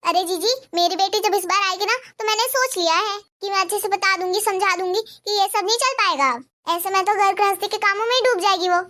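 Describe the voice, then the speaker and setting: A woman's voice: very high-pitched, fairly quick, hardly any pauses, pushed and bright. Woman voicing a meddling gossipy neighbor. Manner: chatty, probing, complaining. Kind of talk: cartoon dubbing.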